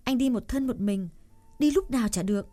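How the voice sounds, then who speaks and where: A woman voicing a shy young village woman in love, speaking softly and hesitantly with stammers in an audiobook drama reading. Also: on the high side, fairly quick, lightly acted. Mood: tender.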